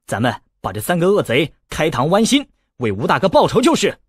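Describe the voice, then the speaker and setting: A man's voice: fairly high pitch, huge pitch swings, brisk, husky, no room sound, studio quality, full character voice. A man voicing a cheeky, scheming teenage boy with a brash, mocking manner in an audiobook.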